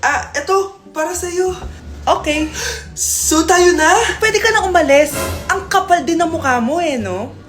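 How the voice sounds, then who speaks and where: High-voiced woman playing comic roles. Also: measured pace, soft background music. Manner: switches between mother and child characters, Taglish banter. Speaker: comedy skit performer. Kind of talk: comedic skits playing many roles.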